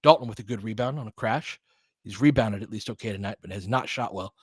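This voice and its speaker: A fan commentator with a lowish, husky voice talks fast through a basketball game, calling the plays, offering opinionated conversational takes, and coaching the players aloud. There's no room sound on the recording.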